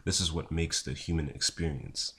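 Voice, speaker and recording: A young man talking casually to camera in a low, unhurried, low-energy voice with a husky, just-woken sound. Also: steady tone, bright, forceful tone. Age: young adult. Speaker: vlogger, pre-med student. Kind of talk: casual talk to camera answering viewer questions.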